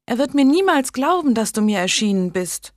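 In a storybook reading, a woman raises her voice above its natural pitch to play a pious young noblewoman begging a king, fervent, earnest and imploring. Her delivery is very animated at a moderate pace, and the studio-quality recording is dry.

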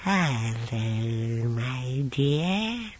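A man voicing an ancient, wheezing bogeyman posing as a sweet old lady, in a creaky, sly audiobook voice. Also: medium pitch, sing-song, extremely slow, dry recording, heavily acted. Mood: sweetly false. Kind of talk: audiobook character voice. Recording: dull lo-fi recording.

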